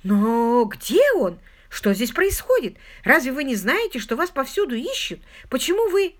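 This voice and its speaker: A woman voicing a prim, excitable older spinster who talks in a fussy, insistent rush in an audiobook. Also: high-pitched, normal speed, pitched above the performer's own voice. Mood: eager, alarmed.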